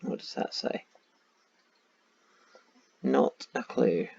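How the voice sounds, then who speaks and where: A man's voice: extremely slow, darkish tone. A man with a tired voice, thinking aloud in casual commentary while playing a map game. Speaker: game streamer. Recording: dull lo-fi sound.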